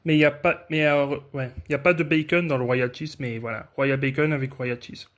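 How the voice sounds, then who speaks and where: A man's voice: medium pitch, steady tone, a little fast, a bit bright. A young man from France rambling casually through a food-tasting vlog, often correcting himself mid-sentence. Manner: rambling, chatty, frequent self-corrections. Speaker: food vlogger.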